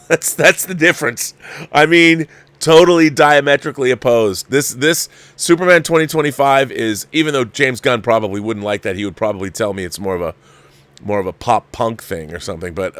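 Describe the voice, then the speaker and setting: Reviewing a film on his livestream, a man casually comments and responds to viewers, restarting sentences often and repeating phrases to stress points. He speaks at medium pitch and normal speed in a fairly bright tone, with no room sound.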